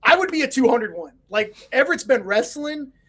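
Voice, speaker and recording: A man's voice: extremely high pitch, fairly quick, crowd noise. A middle-aged man co-hosting a casual chat show, telling stories and acting out quotes in funny voices. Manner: animated storyteller, acts out quotes. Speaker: co-host.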